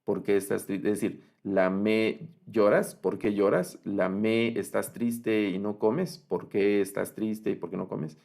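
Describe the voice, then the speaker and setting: A man's voice: fairly low pitch, little pitch movement, creaky, a little mellow. A man teaching a Biblical Hebrew class, explaining patiently and often checking with "¿verdad?". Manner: explanatory, repeats points, frequent "¿verdad?" checks; reads out Hebrew phrases slowly and with emphasis. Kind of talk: online lecture with screen sharing.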